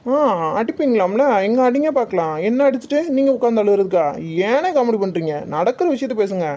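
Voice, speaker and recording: Cartoon brother: a voice actor plays a wisecracking young man, fast-talking, dull lo-fi sound. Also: extremely high pitch, animated, mellow. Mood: teasing. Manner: wisecracking, cheeky. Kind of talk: cartoon voice acting.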